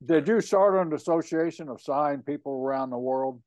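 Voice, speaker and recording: A man's voice: fairly high pitch, normal speed, darkish tone, no room sound. A man hosting a casual interview, asking jokey questions. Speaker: host.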